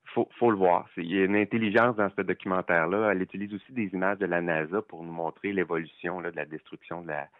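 Québécois guy gushing about docs, real low voice, sounds like over a phone, lots of euhs. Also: fairly even intonation, no echo. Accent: Québécois French. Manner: enthusiastic, halting with many fillers. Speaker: film critic guest. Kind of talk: casual podcast chat. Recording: tinny phone-like line, dry.

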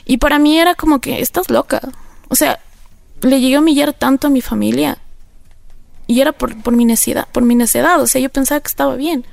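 A woman, her fairly high voice edged with vocal fry and gravel. She speaks earnestly and reflectively as an interview guest, often leaning on filler phrases while she recounts her past. The recording is close and dry. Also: fairly quick, no room sound. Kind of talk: personal testimony in conversation.

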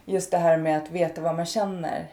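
A woman in her thirties hosting a podcast, speaking in a thoughtful, hesitant way as she feels her way through her points. Her voice is fairly low and has a mellow, warm tone. She speaks in a casual conversational style. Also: flat delivery. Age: 30s. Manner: thoughtful, hesitant, many fillers and restarts. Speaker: podcast host.

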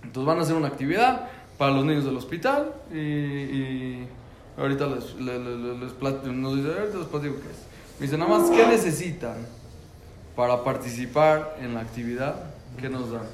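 A man's voice: medium pitch, animated, moderate pace, roomy sound, slight background noise. A man telling a personal story about his son, earnest and full of repeated words and restarts.

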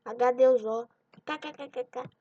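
A woman with a high but mellow voice reads jokes aloud, tripping over words now and then. She sounds far from the mic, on a dull, lo-fi recording. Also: measured pace, no echo. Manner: laughs at own jokes, stumbles over words. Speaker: joke reader.

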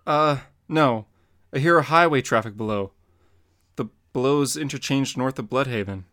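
A man voicing Robin, a sarcastic teenage male sidekick with deadpan wisecracks, in a dramatic comic reading. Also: medium pitch, moderate pace, lightly acted. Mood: terse.

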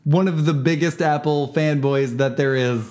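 A man's voice: a little high, fairly even intonation, normal speed, darkish tone. A man co-hosting a comedy news podcast, bantering in a playful, casual way. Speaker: podcast co-host.

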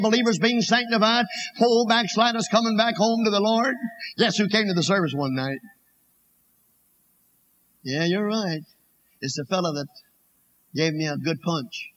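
A man's voice: sits high, fairly bright tone, dull audio. A man with an Appalachian accent preaching a personal testimony, telling it as a folksy, dramatic story and acting out the dialogue. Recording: noticeable background noise.

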